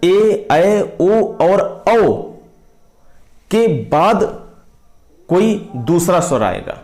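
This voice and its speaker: A man's voice: a little high, darkish tone. A man teaching a grammar lesson, repeating each point and asking questions that he answers himself, drawing out vowel sounds as he explains. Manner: repetitive, asks and answers his own questions, stretches out vowel sounds.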